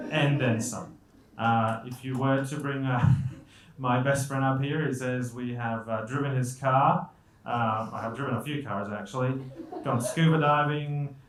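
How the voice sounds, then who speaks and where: At a medium pitch, a Colombian guest speaker gives an audience a conversational motivational talk full of self-deprecating jokes and rhetorical questions. The indoor event stage recording is echoey and has background noise.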